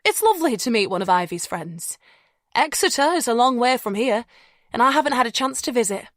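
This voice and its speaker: A woman narrator voicing a fragile, gentle mother in her forties in an audiobook. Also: on the high side, animated, fairly quick, no room sound, clean studio sound, voice pushed up.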